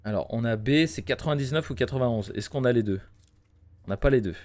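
A man's voice: mid-range voice, quick pace, a little mellow. A man in his thirties doing casual live game commentary, muttering to himself and talking to his chat. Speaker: game streamer.

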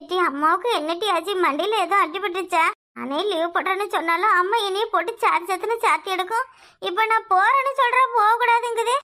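A woman's voice: very high-pitched, sharp tone. A woman voicing a cheeky schoolgirl daughter in a cartoon, with a Tirunelveli Tamil accent. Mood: indignant. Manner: pleading, quick and chirpy. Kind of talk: cartoon voice acting.

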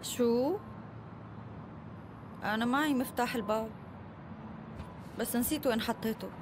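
A woman's voice: on the high side, normal speed, noisy background, close to an everyday voice. An actress dubbing a tipsy, defensive young woman lawyer in a TV drama, hesitant yet insistent, with a Syrian accent. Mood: mildly annoyed. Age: young adult. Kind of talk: dubbed TV drama dialogue.

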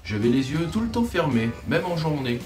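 A man's voice: on the high side, sing-song, fairly quick. A young man from France giving scripted, self-deprecating narration for his own short film. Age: young adult. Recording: roomy, distant voice-over under music.

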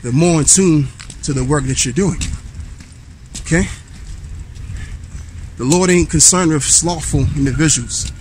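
Walking a wooded park path with a handheld camera at arm's length, a street preacher vlogger in his thirties preaches casually, reading scripture aloud between loose, filler-laden remarks. His voice is a little high and mellow, unhurried with frequent pauses, and there's slight background noise.

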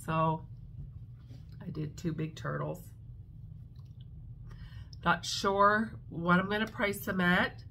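A woman's voice: lowish voice, takes it slowly, gravelly, long pauses, bright, forceful tone, slight background noise. A woman with a congested, stuffy voice, chatting casually as she shows her crafts and thinks aloud. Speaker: craft vlogger. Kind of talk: casual show-and-tell chat.

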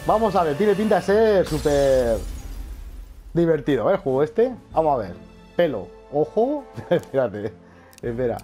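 Man, casual gameplay commentary, excitable, lively up-and-down voice, game music faint behind. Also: mid-range voice. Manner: excitable, laughs often, swears casually. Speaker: gaming youtuber.

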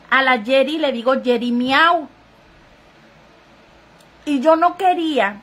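A live-stream gossip host with a high, somewhat bright voice chats casually, talking straight to viewers as she reads their comments. She's sniffly with a runny nose.

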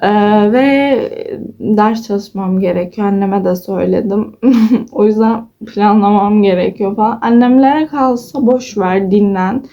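A woman's voice: mid-range voice, measured pace, warm tone, highs cut off. A woman in her twenties chatting to her followers in a casual vlog, telling stories and acting out what people said, with giggles. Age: 20s. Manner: chatty storyteller, acts out quoted dialogue with giggles. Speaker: vlogger.

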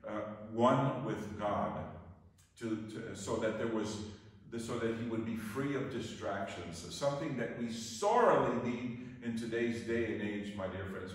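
A man giving a Sunday homily as a priest, in a conversational, folksy way with pauses. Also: on the low side. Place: church. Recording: echoey church, voice from far off.

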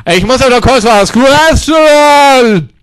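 A high-pitched man in a crude comedy sketch. He barks abrasive insults and drops English slang between his words. He stretches his catchphrases into long, drawn-out shouts. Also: lively intonation, smooth. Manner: repeats catchphrases in a drawn-out yell. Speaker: comedy character performer.

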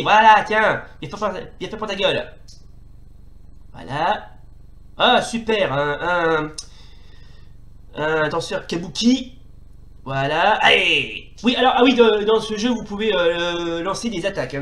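A man giving excitable let's play commentary on a retro arcade game, scolding the enemies out loud and tripping over his words. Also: high-pitched, echoey room. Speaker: retro gaming YouTuber.

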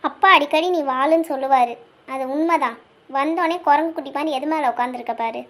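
A woman acts out a gentle, troubled older sister in a cartoon, speaking softly with worry. Her voice sits high and light. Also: brisk. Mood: fond. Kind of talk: cartoon voice acting.

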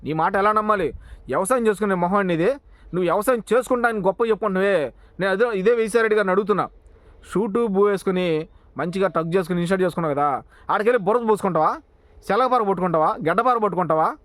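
Fast, high-pitched ranting man. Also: fairly bright tone, dry recording. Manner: confrontational, addresses the target directly with rhetorical questions. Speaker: political commentator, channel owner. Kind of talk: heated political monologue.

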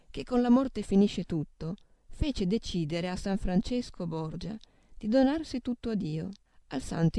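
A woman reading devotional meditations aloud in a solemn, steady way, naming scripture references as she goes. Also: medium pitch, vocal fry, dry recording, studio quality. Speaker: reader of devotional texts.

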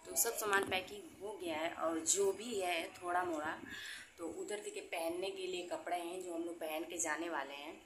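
A woman's voice: lowish voice, fairly even intonation, moderate pace, fairly bright tone. Chatty woman vlogging in an echoing empty room. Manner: chatty, talks straight to viewers while showing her home. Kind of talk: casual daily vlog. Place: emptied rented room at home, echoing. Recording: echoey empty room, noisy phone audio.

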